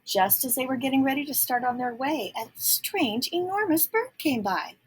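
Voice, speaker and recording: A woman reading a children's storybook aloud expressively, pausing to add simple explanatory asides. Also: high voice, expressive, slight background noise. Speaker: storybook reader.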